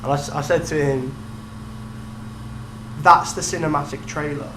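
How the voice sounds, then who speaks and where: A young man co-hosts a podcast, chatting casually about video games in a fairly high voice at a moderate pace. The room sounds echoey, with a steady hum and background noise.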